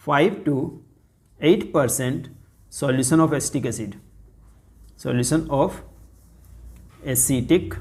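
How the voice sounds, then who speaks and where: A man teaching a chemistry lesson, asking his students questions and slowly repeating key terms. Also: on the high side, a little mellow.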